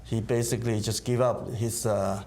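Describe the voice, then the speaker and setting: A concert organizer who grew up in Taiwan answers interview questions hesitantly, with lots of fillers. His voice is fairly low and somewhat dark in tone, with a flat delivery at normal speed.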